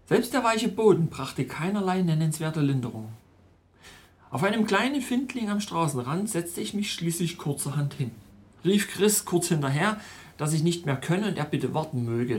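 A man reads his own travel tale aloud as a scripted first-person story, in a voice a little higher than most men's. His delivery is measured and unhurried, lingering on detail. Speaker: podcast storyteller.

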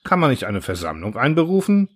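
A man voicing a bumbling male airfield guard who fumbles through a speech with halting fillers, in a storybook reading. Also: medium pitch, very animated, pitched above the performer's own voice. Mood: earnest rambling. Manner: halting, rambling, full of fillers.

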